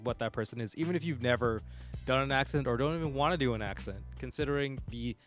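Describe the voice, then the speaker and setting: A man hosting a podcast in casual chat, quick with asides and often checking in with "right?". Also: mid-range voice, faint music behind. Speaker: podcast host.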